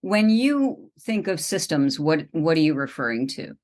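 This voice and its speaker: A woman who hosts a podcast and works as a therapist, asking measured, calm questions in an interview. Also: sits low.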